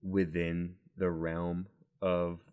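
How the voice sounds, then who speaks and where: A man's voice: low-pitched, level tone, drawn-out words, darkish tone, clear, resonant tone. A man co-hosting a podcast in casual chat, rambling with many restarts and frequent laughter. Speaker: podcast co-host.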